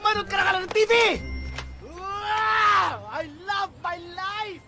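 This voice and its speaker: A performer shouting every line in a comedy skit. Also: extremely high pitch, steady tone, slow pace. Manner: shouting the whole time. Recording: loud music behind.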